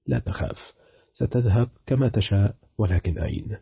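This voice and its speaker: A man's voice: lowish voice, animated, normal speed, gravelly, slightly rough, no room sound, dull audio, full character voice. A man reading as an icy, mocking betrayed husband. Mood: cold mocking. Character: cold sarcastic betrayed husband, middle-aged man.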